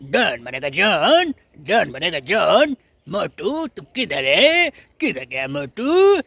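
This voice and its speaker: A man's voice: sits high, huge pitch swings, slow, creaky, sharp tone, no echo, full character voice. A man voicing a boastful male cartoon gangster who swaggers and repeats a catchphrase. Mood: swaggering.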